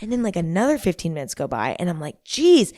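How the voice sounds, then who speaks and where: Hungover female podcast host, young adult, rambling casually in a lowish register, close dry sound. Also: big pitch swings, quick pace, mellow, no room sound. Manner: repeats herself for emphasis.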